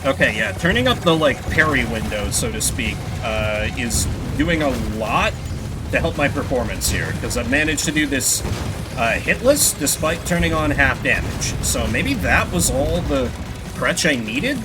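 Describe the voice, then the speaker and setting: A young adult man streams a game blind, rambling through his let's-play commentary with swearing and self-deprecating jokes. His mid-range voice has lively intonation and a slightly slow pace, set against a noisy background with game music.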